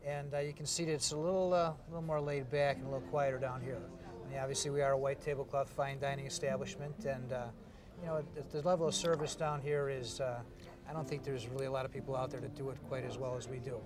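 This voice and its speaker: A man's voice: level tone, fast talker. A middle-aged man, a restaurant manager chatting easily on camera about his place, with many fillers. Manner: easygoing, filler-heavy host-style pitch. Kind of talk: on-camera interview. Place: restaurant bar and dining room.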